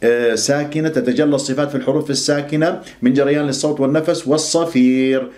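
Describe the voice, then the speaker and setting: A man from Iraq teaching Quran recitation rules, stretching words out slowly to demonstrate their pronunciation. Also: mid-range voice, fairly even intonation, darkish tone. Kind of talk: tajweed lesson with slow demonstrations.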